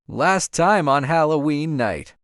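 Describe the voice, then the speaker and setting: Animated man narrating dark horror. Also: on the high side, takes it slowly, dry recording, studio quality. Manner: suspenseful, theatrical delivery.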